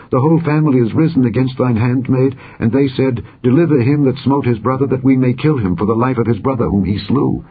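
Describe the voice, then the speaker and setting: A man's voice: medium pitch, slightly rough, voice pushed up. A man reading the part of a pleading widow in mourning, his voice lifted and earnest. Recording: dull lo-fi audio recording.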